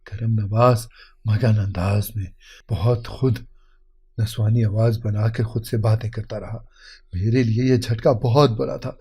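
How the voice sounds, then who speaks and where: A man's voice: on the low side, fairly even intonation, mellow, breathy edge. A man narrating an emotional moral story in an earnest, heartfelt reading.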